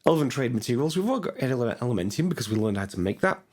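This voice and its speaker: A man with a hoarse voice, chatting casually as he narrates his gameplay, thinking aloud with lots of fillers. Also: mid-range voice, big pitch swings, very fast, a little mellow. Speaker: gaming channel host. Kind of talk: casual let's-play commentary.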